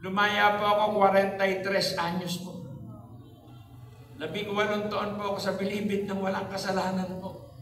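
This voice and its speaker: A man from the Philippines shares his testimony before a church, telling it earnestly and voicing the people in his story. His voice sits high yet stays fairly level in pitch. He is heard from a distance, with the long reverb of a large hall around him. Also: level tone, normal speed, fairly bright tone, slight background noise. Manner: earnest storytelling, acts out past dialogue. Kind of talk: testimony sermon. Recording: echoey hall from far off.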